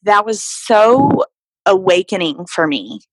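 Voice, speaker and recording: A woman's voice: mid-range voice, big pitch swings, slow, slightly rough, no echo, poor audio. A young woman from Texas, a fitness model guest, talking casually with lots of fillers and restarts. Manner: chatty, many fillers and restarts. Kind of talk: casual interview conversation.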